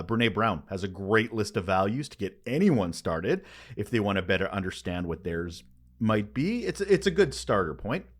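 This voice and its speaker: This podcast host is a man with a medium-pitched voice who delivers a scripted monologue in a conversational tone. His phrasing is emphatic and expressive, punctuated by dramatic pauses.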